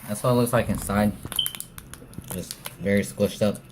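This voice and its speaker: A man's voice: fairly low pitch, steady tone, moderate pace, noisy background. A man hosting a casual snack taste test, chatty and jokey, recorded at home. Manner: chatty, offhand, jokey commentary. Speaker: vlog host.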